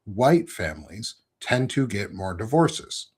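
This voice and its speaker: Here the podcast host, a man in his thirties, has a fairly low, breathy voice with a slow, sing-song delivery. His casual interview style wanders, leans heavily on ums, and is full of self-corrections.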